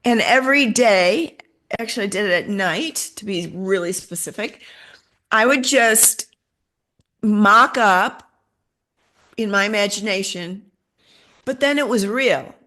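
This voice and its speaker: A middle-aged woman shares a personal story in an interview. She talks in an animated way, taking on the voices of the people she quotes as she goes. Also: mid-range voice, unhurried, long pauses. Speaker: interview guest.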